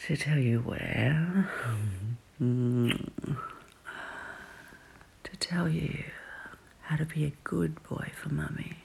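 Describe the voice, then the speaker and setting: A woman in an intimate whispered role-play as a dominant, doting lover, breathy and coaxing, right in the listener's ear. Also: sits low, a little mellow. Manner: slow, coaxing, sultry. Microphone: very close microphone.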